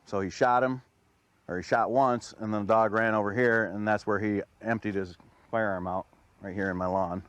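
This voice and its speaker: A man's voice: fairly low pitch, fairly even intonation, moderate pace, a bit bright, highs cut off. A man giving a plain, conversational eyewitness account in a news interview, somewhat subdued. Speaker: interviewed dog owner.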